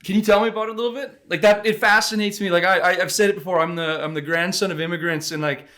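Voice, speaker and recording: A man's voice: high voice, steady tone, fast, fairly bright tone. A man co-hosting a podcast, asking questions with eager, emphatic enthusiasm. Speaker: podcast co-host. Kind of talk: casual interview chat.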